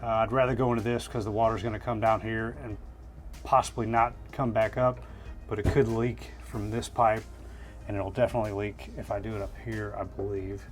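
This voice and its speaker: Inside a camper's small indoor space, a DIY RV vlogger narrates a hands-on installation tutorial in a casual, plain-spoken way, thinking aloud as he works. His voice is on the low side, level in tone, and brisk, with faint music in the background.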